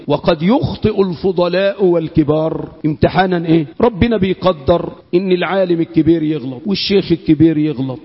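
A man's voice: sits high, breathy edge, long reverb tail, dull audio. A man preaching a sermon with an Egyptian accent. He repeats his phrases and keeps quizzing the congregation with fill-in questions. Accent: Egyptian Arabic.

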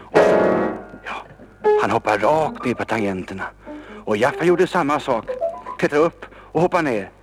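A man reading a children's story aloud, lively and expressive, sometimes dropping to a whisper. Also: medium pitch. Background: instrumental music.

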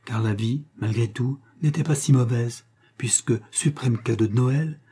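A man reading a literary tale aloud in a measured, expressive storytelling manner. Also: medium pitch, slightly rough. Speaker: reader. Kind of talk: scripted narration of a literary tale.

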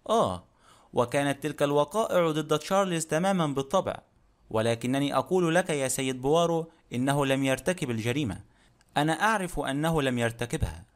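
A man's voice: on the high side, animated, fast talker, natural voice. A man voicing a stubborn elderly lady. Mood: firm. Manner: firm, self-assured speech. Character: elderly widowed aunt, stubborn. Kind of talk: audiobook character reading.

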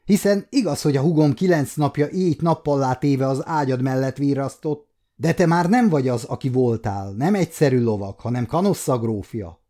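A man in his fifties voicing an excitable, quick-tempered young male nobleman who raises his voice when stirred. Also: mid-range voice, natural voice. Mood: indignant. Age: 50s.

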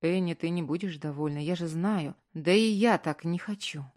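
A woman reading an audiobook, voicing a tender grown man who speaks softly and coaxingly to his lover. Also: fairly low pitch, moderate pace, lightly acted. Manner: soft, coaxing.

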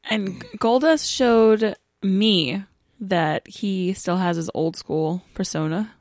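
A woman's voice: medium pitch, slow, a little mellow, dry recording, clean studio sound. A woman co-hosting a casual talk show, giving brief, matter-of-fact replies and recaps. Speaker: podcast co-host. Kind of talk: casual wrestling chat.

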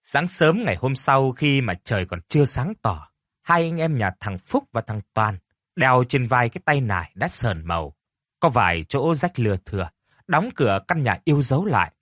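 Man narrating a folk tale, expressive, lively intonation, dry close recording. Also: medium pitch, normal speed, no room sound. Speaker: storyteller. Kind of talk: storybook narration.

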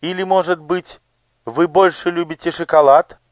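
Guy putting on a high singsong noble lady, all sweet coaxing but cruel underneath, storybook style. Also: steady tone, normal speed, dry recording, close to an everyday voice. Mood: coaxing, gracious.

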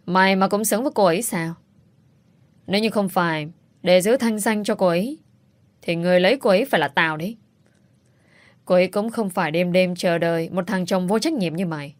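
A woman's voice: fairly low pitch, brisk, no room sound, close to an everyday voice. A woman voicing a young man who speaks bitterly to his brother, with faint music behind. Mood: defiant.

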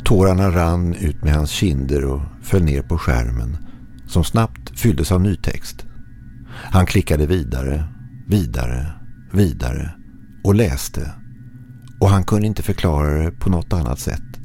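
A man narrating a horror story in a slow, somber, scripted style. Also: rumbling low, lively intonation, warm tone, slight background noise.

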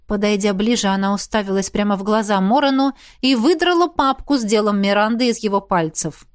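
A woman reading a fantasy novel aloud as narrator with steady, expressive storytelling. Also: mid-range voice, brisk. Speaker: audiobook narrator. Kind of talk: scripted narration.

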